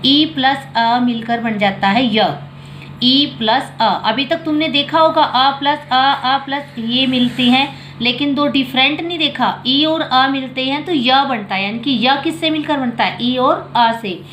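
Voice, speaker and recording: Woman teacher, higher voice, echoey room, quizzes then answers herself. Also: a bit bright. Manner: asks questions and answers them herself; drills vowel sounds slowly and repeats them. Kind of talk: explaining Hindi grammar to students. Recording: echoey room with faint background noise.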